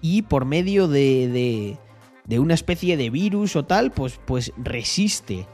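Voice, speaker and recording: A young man with a Spanish accent talks straight to his stream chat, punchy and emphatic, doubling up his words. Soft music plays faintly behind him. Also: medium pitch, expressive, takes it slowly. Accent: Spain. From Spain. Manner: emphatic, repeats words, swears freely. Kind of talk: casual livestream monologue.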